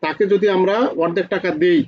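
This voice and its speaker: A man with a high voice and a Bangladeshi Bengali accent lectures quickly in an online class. He keeps asking students questions and repeating key points. The sound is dull and lo-fi, like a computer mic on a video call. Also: steady tone. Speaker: accounting teacher.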